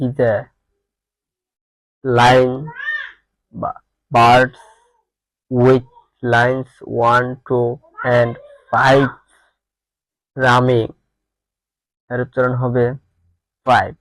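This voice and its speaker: A man's voice: medium pitch, completely flat delivery, very slow, long pauses, fairly bright tone, dry recording, rough recording. A man with a Bangladeshi accent teaching exam prep, reading quiz questions aloud and muttering answers to himself, repeating words as he thinks.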